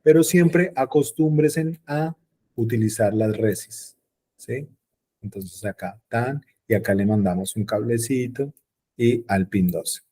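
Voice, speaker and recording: A man's voice: mid-range voice, slow, warm tone, slightly rough. A man teaching an online class, talking casually and often checking in with questions to his students. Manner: chatty, checks in with frequent rhetorical questions. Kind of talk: online class explaining circuits.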